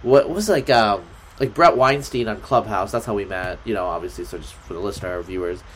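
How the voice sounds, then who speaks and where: A man's voice: fairly low pitch, brisk, slight background noise. Rambling man talking genetics. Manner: rambling, filler-heavy, lively. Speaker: podcast guest, geneticist. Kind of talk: casual conversation.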